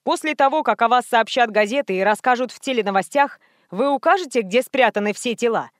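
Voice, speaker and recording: A woman's voice: a little high, lively intonation, brisk, no room sound, lightly acted. Tense male reporter, probing, read by a woman, dry audiobook sound. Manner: quiet, probing questions. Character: tense male news correspondent.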